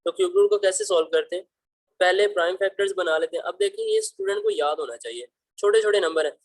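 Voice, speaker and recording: A fast-talking man with a high voice and big pitch swings teaches school math over slides, walking through each problem step by step. Despite his speed he stays patient and fatherly, fondly calling students "beta." No echo, but the audio quality is low.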